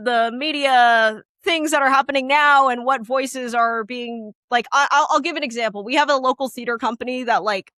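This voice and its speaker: Guesting on a relaxed interview, a young Canadian musician chats candidly, rambling with lots of fillers in a high, loud, piercing voice. The sound is close and dry, with no room sound at all.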